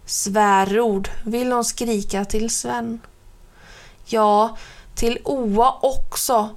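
Woman reading a children's book. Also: on the high side. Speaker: narrator.

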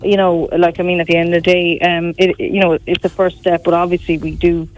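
A woman's voice: fairly low pitch, little pitch movement, a little fast, darkish tone. A woman with a west of Ireland accent talking politics in a radio interview, in a conversational way peppered with filler phrases. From Galway, west of Ireland. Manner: conversational, frequent "you know" and "like". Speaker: opposition politician. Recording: dull, dry radio sound.

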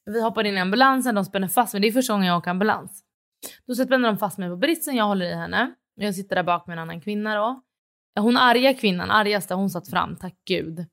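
A woman in her thirties co-hosting a podcast, telling a story in casual chat, acting out what others said and swearing freely. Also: medium pitch. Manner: animated retelling, acts out dialogue, swears casually. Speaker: podcast co-host.

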